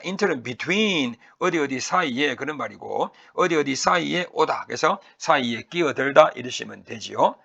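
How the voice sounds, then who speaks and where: A man teaching English vocabulary in Korean with a Korean accent. He asks his own questions, answers them, and repeats each word slowly to drill pronunciation. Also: mid-range voice, vocal fry, pushed and bright, husky, muffled recording. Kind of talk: recorded vocabulary lecture.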